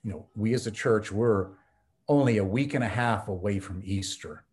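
With a low-leaning, slightly mellow voice at normal speed, an American theology professor and pastor explains his ideas as a podcast guest. The interview is conversational, and his earnest teaching tone is broken by frequent ums.

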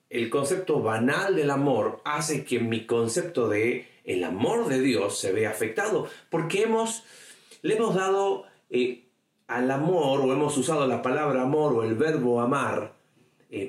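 A man's voice: lively intonation, unhurried, echoey room. A man giving an online sermon to young people in a conversational way, asking his listeners questions and acting out quoted voices. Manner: conversational, asks the audience questions; acts out quoted voices with a raised pitch. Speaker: youth preacher.

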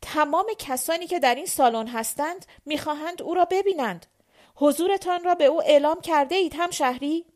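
Lady reading as a bossy young guard guy, barks short orders, pitched up. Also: lightly acted. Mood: brusque. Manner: loud, clipped demands. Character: young male Jacobin guard, brusque and officious.

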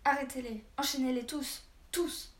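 A woman voicing an arrogant, short-tempered male baron who bursts into shouting, recorded with a roomy echo. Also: fairly high pitch, fairly even intonation, moderate pace, close to an everyday voice. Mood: furious. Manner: haughty, erupts into shouting. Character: irascible arrogant male baron, middle-aged noble. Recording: roomy echo, faint background hiss.

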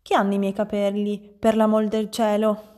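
Una donna che legge ad alta voce e fa un padre vanitoso di mezza età che urla in preda al panico. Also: female voice, medium pitch, completely flat delivery, moderate pace, close to an everyday voice. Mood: agitated. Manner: shouting, flustered. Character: loud panicking vain middle-aged father.

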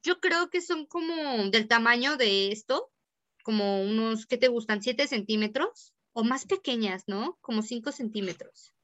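A woman's voice: fairly high pitch, unhurried, highs cut off. A young woman with a Mexican accent, chatting casually and telling a story, acting out what people said. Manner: lively storyteller acting out quoted speech.

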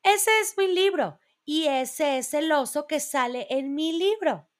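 A confident, friendly little girl from a storybook, as a woman puts her on. She speaks brightly, with a high and unhurried voice. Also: expressive.

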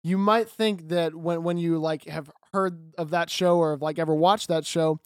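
Young man explaining earnestly, somewhat high voice. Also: fairly even intonation, moderate pace, a little mellow, clear, resonant tone, no room sound, studio quality. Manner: earnest, explains at length with run-on sentences. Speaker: podcast co-host. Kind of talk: casual chat.

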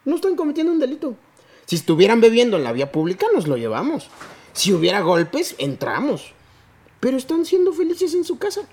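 A man voicing a patient woman at an emergency call center, explaining calmly. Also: extremely high pitch, fairly quick, pitched above the performer's own voice, full character voice.

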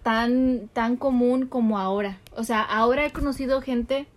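Woman co-host, fairly high voice, halting, gropes for words. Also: fairly even intonation. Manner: hesitant, searches for words. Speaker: podcast co-host. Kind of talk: casual chat.

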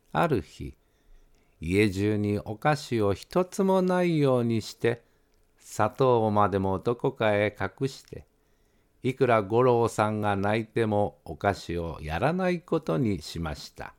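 A man reading a children's story aloud in a gentle, expressive storytelling manner. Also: lowish voice. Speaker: podcast host reading a story.

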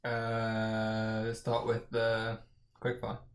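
A man in his twenties from the Czech Republic, co-hosting a casual podcast and giving dry, hesitant, quiet answers. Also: lowish voice, completely flat delivery, extremely slow, echoey room, slight background noise. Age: 20s. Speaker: podcast co-host. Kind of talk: casual chat. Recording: mic at a distance.

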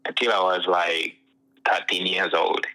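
Heard over what seems to be a phone line, a young Ugandan pro footballer speaks in a low, slightly slow voice, relating his story in a laid-back interview peppered with "you know."

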